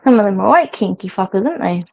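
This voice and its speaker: A woman's voice: mid-range voice, lively intonation, fast talker, creaky. A middle-aged woman, chatting casually to viewers as a livestream host, rambling and laughing often. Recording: dull lo-fi stream audio.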